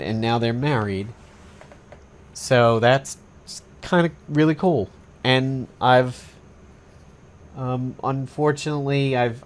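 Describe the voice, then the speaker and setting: A man talking to camera as a gaming video host and guild master, in a candid, rambling, reflective way with casual swearing. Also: mid-range voice.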